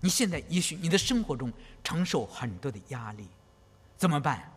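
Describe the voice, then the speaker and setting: A middle-aged male pastor with a slightly raised, husky voice, preaching in an animated way and often asking his listeners if they know. His pitch swings widely as he tells stories and prays. The sound trails off in the long reverb of a large hall. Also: normal speed. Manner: animated, repeats phrases, asks "you know?". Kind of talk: sermon.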